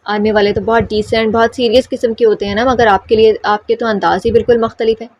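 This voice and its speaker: A woman voicing a shy, gentle young woman engaged to be married, in an audiobook. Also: on the high side, flat delivery, no room sound, dull audio, lightly acted. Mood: bashful. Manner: bashful.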